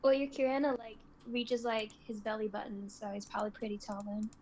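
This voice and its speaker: Higher-pitched woman chatting animatedly. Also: a little fast, a little hiss or hum, low-quality recording. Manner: animated, joking speculation. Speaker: podcast co-host. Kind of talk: casual chat.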